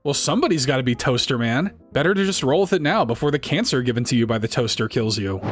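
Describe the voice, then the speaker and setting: A man's voice: medium pitch, animated, fast, faint music behind. A man giving scripted comedic narration, full of wry, sarcastic asides.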